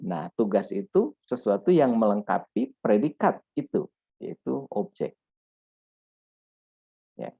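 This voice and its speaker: A man's voice: medium pitch, creaky, dark tone, slightly rough, no echo. A man lecturing on grammar in a patient, repetitive way, checking in with "ya" often. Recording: dull lo-fi dry recording.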